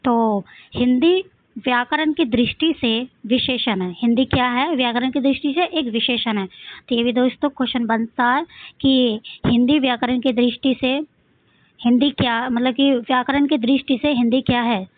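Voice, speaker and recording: On the high side and at a moderate pace, a woman with a Rajasthani accent delivers an exam-prep lesson. She asks and answers her own questions and keeps repeating key points. The recording is dry and phone-like.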